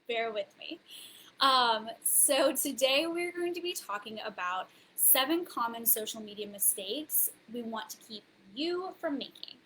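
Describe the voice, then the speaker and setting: A woman's voice: a little high, animated, measured pace, sharp tone, a little hiss or hum, rough recording. A woman hosting a casual live stream of marketing tips, chatty and bubbly with many fillers, a little out of breath. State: slightly out of breath. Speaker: host. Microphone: webcam on a social media live stream.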